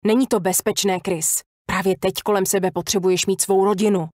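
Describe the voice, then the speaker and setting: A woman voicing a protective male small-town sheriff's deputy who talks calmly and firmly. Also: medium pitch, no room sound, studio quality, close to an everyday voice. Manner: calm, firm, slow.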